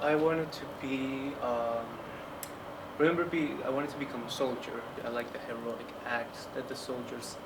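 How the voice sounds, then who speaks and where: Over noticeable ambient noise, a young Franciscan friar from Colombia, a painting student in his twenties, reflects on himself in an interview. He talks in brief, faltering phrases with a steady, mid-range voice.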